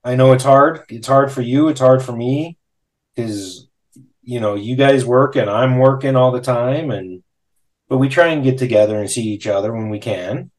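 An easygoing man hosts a casual podcast chat. His mid-range voice stays relaxed. His replies are brief and loose, dotted with small fillers. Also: medium pitch, normal speed. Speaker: podcast host.

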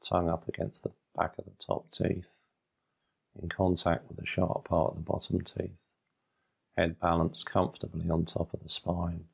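Male meditation guide, very creaky and husky, unhurried short phrases, flat delivery. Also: sits low, muffled recording. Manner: soothing, unhurried instruction in short phrases with long pauses.

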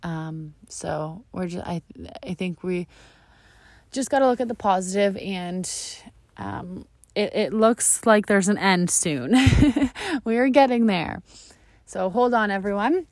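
A woman's voice: mid-range voice, slow, no echo. A young woman in her twenties from Canada hosting her own podcast, chatting casually and bubbly with plenty of fillers, with a just-woken morning voice. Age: 20s. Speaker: podcast host. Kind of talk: casual solo podcast chat.

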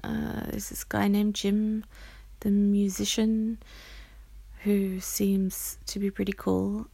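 A woman host talks through a personal audio diary at a very leisurely pace. Her voice is gravelly with fry and breathy, often sinking toward a whisper. She is halting and reflective with a playful theatrical streak, and the sound is close and dry. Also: medium pitch, monotone, warm tone, no room sound. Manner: reflective, halting, with pauses and sighs. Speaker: podcast host. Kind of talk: casual, confessional solo audio diary.

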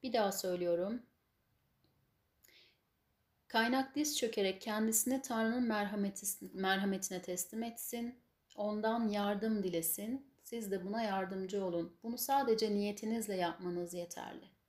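A woman leading a spiritual healing session as guided meditation and prayer, giving instructions and blessings in measured, solemn phrases. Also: mid-range voice, steady tone, darkish tone. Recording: echoey room, faint background noise.

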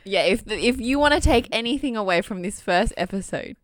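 A woman's voice: on the high side, animated, fairly quick, no echo, studio quality. A woman in her twenties with an Australian accent, co-hosting a podcast in a teasing, casual way. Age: 20s. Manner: teasing, laughs often. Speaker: podcast co-host. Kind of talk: casual chat.

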